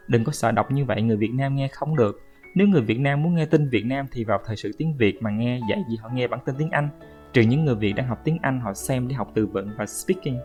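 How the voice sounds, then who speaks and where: A man's voice: mid-range voice, a little mellow. A man from Vietnam teaching English pronunciation in a casual spoken lesson, talking straight to his viewers and explaining with examples. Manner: friendly, explaining with examples, addresses viewers directly.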